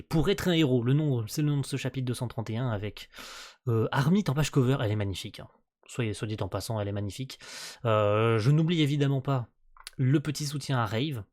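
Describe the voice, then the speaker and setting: A man's voice: medium pitch, darkish tone. Tired man rambling through a reaction. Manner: rambling, full of fillers and tag words; stumbles over words and restarts. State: tired, late in the evening. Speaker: manga reaction host. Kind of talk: casual live reaction commentary.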